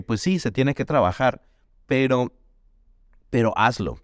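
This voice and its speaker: Guy teaching a music lesson, crisp voice, talks through exercises and chants rhythms. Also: medium pitch, dry recording, clean studio sound. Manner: explains with demonstrations, chants rhythm syllables.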